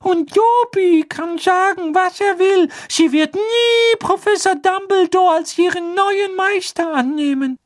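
A narrator voicing a tiny, tearful male house-elf who squeaks and talks about himself in the third person. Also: a little slow, hardly any pauses, no echo, studio quality. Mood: tearful squeaking. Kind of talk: audiobook character voice.

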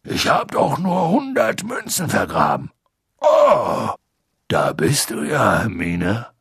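Man doing Hagrid, a gravelly gruff giant. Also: medium pitch, wildly swooping pitch, slow, a bit bright, no room sound, studio quality, exaggerated voice. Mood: gruff amused. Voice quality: gravelly, husky, rough dialect-tinged speech. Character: big gruff kind-hearted male giant gamekeeper.

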